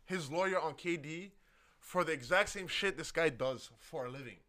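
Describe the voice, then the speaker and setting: A man's voice: fairly high pitch, normal speed, sharp tone. A man co-hosting a casual podcast, slangy and profane, repeating himself and checking that others agree. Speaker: podcast co-host. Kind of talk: casual chat.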